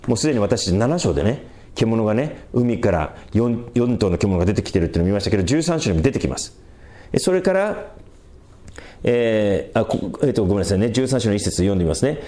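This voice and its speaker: A male pastor giving a verse-by-verse Bible teaching sermon, explaining patiently with many fillers and small self-corrections and reading scripture aloud slowly and with emphasis. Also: on the low side, animated, warm tone.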